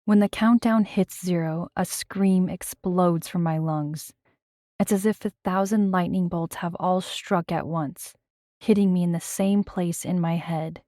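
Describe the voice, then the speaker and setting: A woman's voice: fairly low pitch, fairly even intonation, measured pace, mellow, dry recording, clean studio sound. A woman narrating a first-person audiobook in a tense, dramatic storytelling manner.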